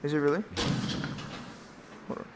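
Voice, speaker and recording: A man's voice: normal speed, heavy background noise. A man live-streaming a horror game on a headset mic, reacting in a scared, jumpy way with goofy asides and mild swearing. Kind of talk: casual live-stream commentary while playing a horror game. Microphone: VR headset microphone.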